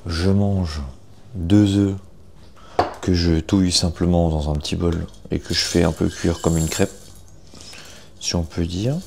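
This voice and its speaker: A young man chatting casually in a morning vlog, informal and self-deprecating, with a gravelly morning voice full of vocal fry. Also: low-pitched, fairly even intonation, unhurried, pauses often, a little mellow, a little hiss or hum. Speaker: vlogger.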